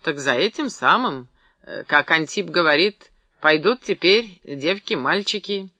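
A man doing a loud gloating village gossip. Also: a little high, lively intonation, measured pace, no room sound, exaggerated voice. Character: sly spiteful village gossip, middle-aged man.

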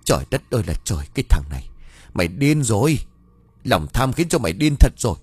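A man's voice: medium pitch, big pitch swings, fairly quick, darkish tone, breathy edge, no echo. A man voicing an old male village sorcerer, stern and hot-tempered, scolding in exasperation. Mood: exasperated.

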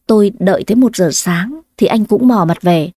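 A woman's voice: medium pitch, moderate pace, mellow, no echo, studio quality. A woman narrating a first-person family drama, plaintive and emotional in her own lines. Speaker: storyteller.

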